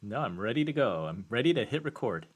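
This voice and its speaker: A man's voice: medium pitch, very animated, fast talker. A man co-hosting a live podcast, talking in an easygoing, friendly way and laughing at his own slips. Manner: easygoing, amiable, laughs at himself. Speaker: podcast co-host. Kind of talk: casual live-stream chat.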